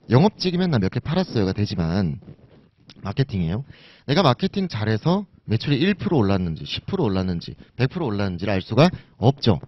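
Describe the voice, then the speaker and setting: A man teaching an exam-prep lecture, casually asking and answering his own questions. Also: mid-range voice. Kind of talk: recorded lecture. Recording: dull lo-fi recording.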